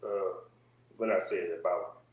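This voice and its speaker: A lower-voiced man whose sound echoes heavily, as if it comes from a second device far from the mic. He chats in a laid-back, halting way with fillers. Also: fairly even intonation, slight background noise. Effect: echoing, far-off sound from a second device on a call. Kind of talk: casual chat. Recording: heavy echo, distant call audio.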